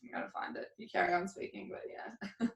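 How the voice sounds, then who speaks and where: A woman in a relaxed podcast chat, open and rambling, with easy laughs in her talk. Her voice sits a little away from the mic. The room around her rings noticeably. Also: medium pitch, brisk, gravelly. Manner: rambling, candid, laughs often. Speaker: podcast co-host. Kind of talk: casual chat. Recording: roomy, a bit distant from the mic.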